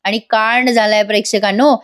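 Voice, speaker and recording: A woman recaps a TV serial episode in a voice-over, chatting directly to her viewers in a high voice. Her delivery is friendly and conversational, like telling gossip. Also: fairly even intonation, fairly quick, fairly bright tone. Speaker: TV serial reviewer.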